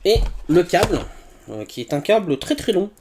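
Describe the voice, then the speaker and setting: A man's voice: sits high, big pitch swings, normal speed, noisy background. A man casually talking through an unboxing, thinking aloud with fillers and playful sound words. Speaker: tech reviewer.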